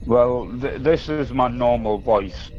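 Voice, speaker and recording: Ringing in on his phone, this man from Newcastle upon Tyne talks slowly in a medium-pitched Geordie voice, wandering through casual chat with hesitations and many ums. Faint music plays behind, and the muffled mic makes the sound dull.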